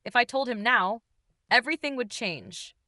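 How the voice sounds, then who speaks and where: A woman's voice: a little high, lively intonation, normal speed, bright, forceful tone, no room sound, clean studio sound. A woman narrating a dramatic first-person confessional story in a tense, intimate way.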